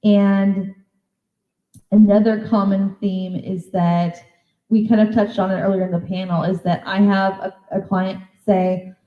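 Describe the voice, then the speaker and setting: A woman at a convention talk tells stories at a moderate pitch, acting out each conversation as she goes. The room is echoey and the sound is thin, like it is coming through a phone line. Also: unhurried. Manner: lively storyteller who acts out conversations. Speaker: psychic medium giving a talk. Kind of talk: anecdotal storytelling presentation.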